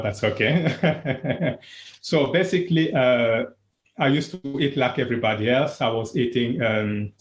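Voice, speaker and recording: A man from Congo, a wellness coach, telling his own story as an interview guest in an earnest, plain-spoken way with halting restarts. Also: medium pitch, echoey room, slight background noise.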